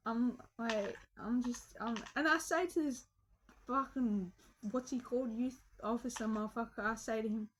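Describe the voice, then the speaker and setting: A woman's voice: on the high side, normal speed, poor audio. A young woman casually telling a story about herself, full of slang and swearing, joking and calling the listener "bro". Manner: slangy, profane, joking, says "bro" a lot. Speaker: vlogger.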